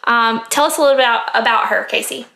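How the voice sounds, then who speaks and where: A woman's voice: fairly high pitch, quick pace, creaky, pushed and bright. A woman hosting a casual podcast in an upbeat, enthusiastic way. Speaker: podcast host.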